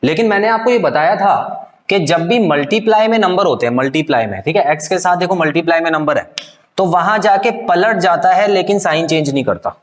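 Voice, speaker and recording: A man teaching a live online math class, explaining step by step and often checking if students follow. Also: high-pitched.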